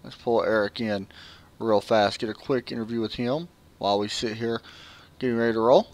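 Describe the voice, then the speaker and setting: In a lowish, somewhat dark voice at a normal speed, a man from the American South offers laid-back live sim-racing commentary, interviewing drivers and filling gaps with plenty of fillers.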